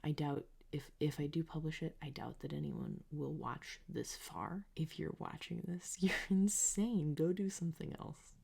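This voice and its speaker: A woman's voice: low voice, steady tone, measured pace, creaky, hardly any pauses, a little mellow, breathy edge. A young woman whispering a rambling, self-deprecating video diary as a music student, recorded on a close desk microphone in her bedroom. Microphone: close condenser desk mic.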